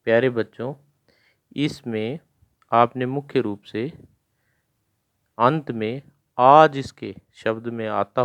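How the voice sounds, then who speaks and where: A man's voice: medium pitch, no echo. A man teaching a textbook lesson to children, patiently reading out words and explaining each one. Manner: slow, patient explaining, reads words then translates. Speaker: Sanskrit teacher.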